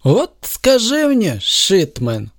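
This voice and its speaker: A man voicing a smug male superhero leader in a storybook, taunting in slow, drawn-out phrases. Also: high-pitched, wildly swooping pitch, pitched above the performer's own voice, full character voice. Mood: mocking.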